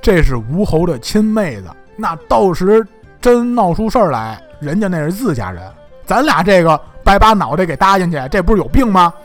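A man's voice: sits high, big pitch swings, normal speed, faint music behind. A man voicing two nervous army officers who stammer and fawn. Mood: flustered. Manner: flustered, stammering, fawning.

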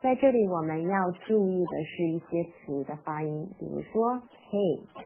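Woman teaching over a tinny line. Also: fairly low pitch. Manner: patient and instructive, repeats words slowly and spells out sounds; reads the rhyme aloud at slow, medium and fast speeds. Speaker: English teacher for parents and children. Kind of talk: live-streamed English pronunciation lesson. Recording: tinny phone-like sound with faint background noise.

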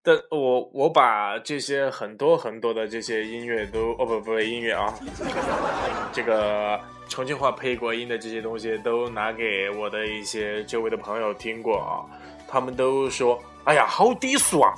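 A man's voice: fairly low pitch, fairly even intonation, normal speed. Guy chatting through a dialect lesson, giggles a lot, faint music behind. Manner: giggly, chatty, self-correcting. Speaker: dialect teacher.

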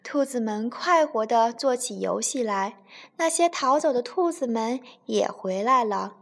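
Slow, high-voiced woman telling a bedtime story. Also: creaky. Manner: slow, gentle, expressive.

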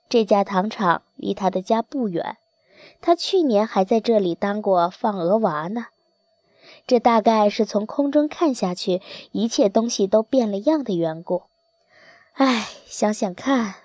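A woman reading a children's storybook aloud in a gentle, expressive storytelling manner. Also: mid-range voice, dry recording, studio quality. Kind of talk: scripted children's story narration.

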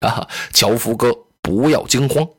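A polite, gentle lord speaks in a low, hushed and measured voice, far deeper and quieter than the storyteller's own. A man plays him in Chinese oral storytelling. He stays courteous and calm with a faint huskiness. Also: slightly rough. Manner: polite, calm, soft-spoken. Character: courteous gentle eldest-brother lord, male adult.

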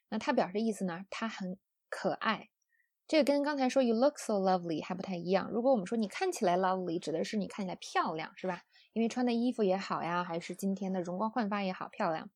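A woman teaches English usage in a friendly, chatty way, ending her phrases with soft particles. Her voice is mellow and warm. The sound is dry and close. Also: mid-range voice, no room sound. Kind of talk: explaining English usage to students.

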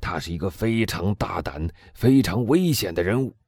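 An excitable middle-aged prison inspector bursts out in a raised, loud voice, as a man reads him aloud. His pitch sits far above the reader's own, dry and close. The audiobook delivery is eager and exclaiming. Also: normal speed, dry recording. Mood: talkative. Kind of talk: audiobook dialogue reading.

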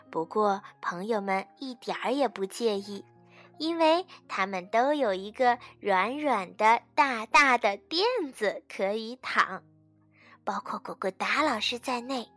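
A woman storyteller reading a children's bedtime story in a slow, soothing way. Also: fairly high pitch. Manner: slow, soothing, fading to soft.

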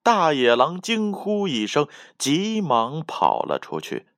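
A man reading a children's story aloud in an animated, drawn-out way. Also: on the high side, no echo, clean studio sound.

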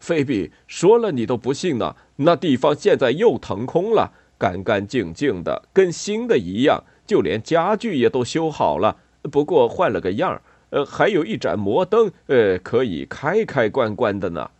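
A man reading a storybook voices an excitable father marmot who talks loudly and stumbles over his words. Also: fairly low pitch, a little slow, dry recording, heavily acted. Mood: eager.

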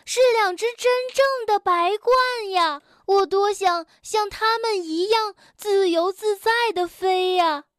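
A woman's voice: extremely high pitch, takes it slowly, no echo, studio quality, pitched above the performer's own voice. A woman voicing a clumsy, dreamy young frog in a children's storybook, in a wondering, eager way. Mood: wistful.

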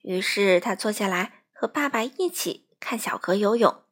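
A woman reading a children's picture book aloud with expressive, bouncy sound words. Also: mid-range voice, moderate pace. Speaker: children's story reader. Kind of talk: storybook narration for children.

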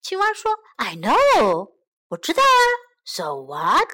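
A woman's voice: fairly high pitch, wildly swooping pitch, slow, bright, forceful tone, heavily acted. A woman voicing a carefree, selfish frog who whoops and plays in a children's storybook. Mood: gleeful. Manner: boisterous, whooping. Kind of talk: bilingual children's storybook reading.

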